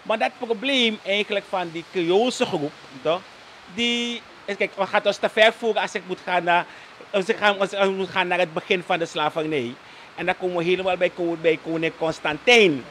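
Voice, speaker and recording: High, bright Surinamese Dutch man. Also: fairly even intonation, normal speed, slight background noise. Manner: tags nearly every sentence with "toch?", slips into Sranan phrases. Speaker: political commentator guest. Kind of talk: live talk-show interview.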